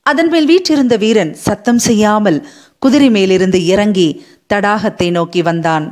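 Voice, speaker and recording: A woman narrating a historical novel as an audiobook, telling it in a measured, expressive way. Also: medium pitch.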